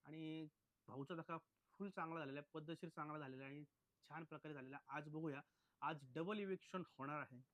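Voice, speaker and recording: Guy doing a blunt chatty show recap, kinda high voice, dry close sound. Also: fairly even intonation, fast talker, a bit bright, no echo. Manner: chatty, blunt, addresses viewers as friends. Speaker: reality show recap commentator. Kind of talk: casual opinionated episode recap.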